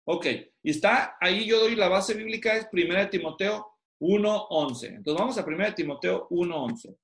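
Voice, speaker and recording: A man's voice: high voice, lively intonation, moderate pace, fairly bright tone. A man teaching theology to pastors in an interactive online class, constantly quizzing his students. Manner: questioning, drawing answers from students. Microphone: video call. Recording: roomy echo.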